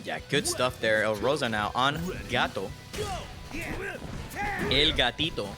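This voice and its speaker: A man doing casual live fighting game commentary in an excitable, slangy, halting way, with game music behind him. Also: medium pitch. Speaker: tournament commentator.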